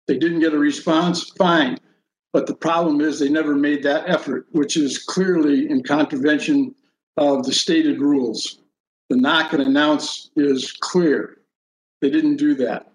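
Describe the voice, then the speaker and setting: Guy lawyer making an oral argument, highish voice, echoey room, bit of noise. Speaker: defence lawyer arguing in court. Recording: roomy, faint background noise.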